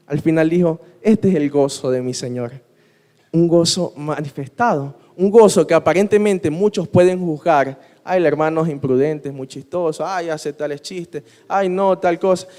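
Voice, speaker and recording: A man's voice: high voice, darkish tone. A man preaching in a conversational way with rhetorical questions and personal anecdotes, unable to pronounce his R sounds properly. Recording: long hall reverb.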